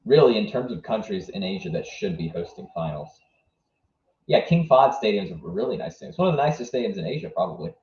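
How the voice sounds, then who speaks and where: A young southwest Virginia streamer with a lowish, sing-song and slightly mellow voice talks fast while reacting to a live match. He answers chat and wanders through his thoughts casually. The audio has a dull, echoey quality.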